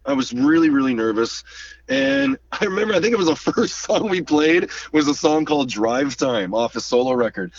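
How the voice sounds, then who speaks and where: A guest drummer with a fairly high, gravelly voice tells stories of his career in a relaxed, animated interview, doing quick impressions of the people he quotes and humming drum rhythms. The distant lo-fi mic makes the sound muffled and dull, with slight background noise.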